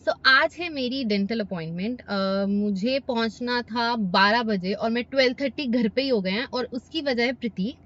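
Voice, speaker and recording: An Indian woman chats casually to the camera, switching between Hindi and English. Her voice sits fairly high. The recording sounds dull and lo-fi. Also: moderate pace, few pauses, fairly bright tone. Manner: chatty, mixing Hindi and English. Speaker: vlogger. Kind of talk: casual vlog talk to camera.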